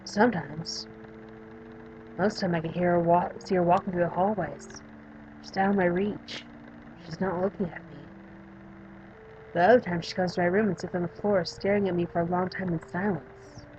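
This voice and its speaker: A withdrawn young girl in a hospital story game, voiced by a woman. She speaks softly with pauses and hesitations, pitched lower than the performer's own voice. The recording is dull and lo-fi with a faint hiss behind it. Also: fairly even intonation, natural voice. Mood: hesitant. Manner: soft, hesitant, halting.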